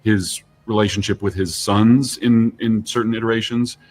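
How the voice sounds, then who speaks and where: A man answering interview questions thoughtfully, pausing with fillers. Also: fairly low pitch, steady tone, darkish tone.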